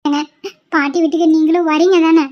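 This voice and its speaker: A squeaky, very high-voiced young pregnant wife in a cartoon, as a woman acts her out. She pleads and scolds in an emotional, tearful way. The sound is dull and lo-fi. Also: flat delivery, brisk. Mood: tearful pleading. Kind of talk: cartoon voice acting.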